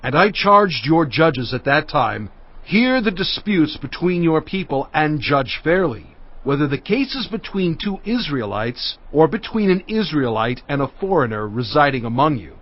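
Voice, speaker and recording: In a dramatized scripture narration, an actor voices Moses as a fatherly, earnest leader speaking to his people with oratorical weight, in an earnest, recounting mood. His voice is on the high side and sing-song at a normal speed. The sound is dull, with music underneath.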